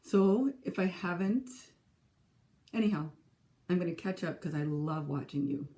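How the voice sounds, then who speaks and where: A second grade teacher from California who vlogs about stitching, this woman in her forties has a Minnesotan accent and chats casually in a rambling, self-correcting way. Her voice is lowish and mellow, at a measured pace.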